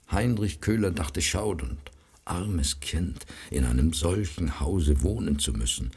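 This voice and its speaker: A man reads a story aloud in a measured, solemn way. His voice is very low and slightly husky. He takes his time over every sentence. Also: a little mellow. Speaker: narrator.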